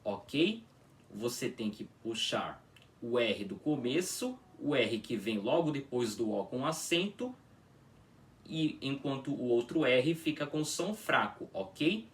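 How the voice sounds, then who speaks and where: A man teaching a pronunciation lesson, demonstrating each sound slowly and checking in with his students. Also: mid-range voice, very animated, far from the mic. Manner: drawn-out patient demonstrations, frequent "tá?" checks. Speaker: language teacher.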